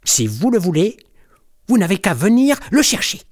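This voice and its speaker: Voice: medium pitch, very animated, normal speed, slight background noise, voice pushed up, close to an everyday voice. A storyteller voicing a greedy, boastful boy kitten in a storybook. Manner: gleeful, possessive. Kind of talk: storybook reading.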